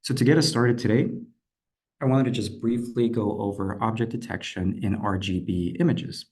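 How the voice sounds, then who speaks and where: A young man, a PhD candidate, presenting an online lecture in a steady, explanatory way. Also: lowish voice, normal speed, breathy edge. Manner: steady, explanatory, occasional fillers.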